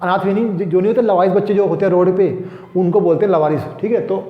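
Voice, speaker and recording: A man's voice: high voice, fairly even intonation, fast. A male grammar teacher, explaining step by step to students in a classroom lecture. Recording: echoey dull room sound.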